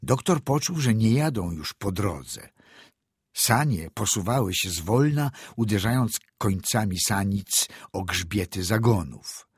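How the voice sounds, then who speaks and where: A man narrating classic prose as an audiobook reader, measured and descriptive. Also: lowish voice, animated, slightly rough, dry recording, studio quality.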